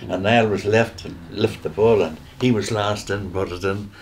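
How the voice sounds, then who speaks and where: Older Northern Irish man, deep voice. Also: fairly even intonation, normal speed, a little hiss or hum. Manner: rambling anecdotes with hesitant restarts and chuckles. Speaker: interviewee. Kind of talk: reminiscing storytelling.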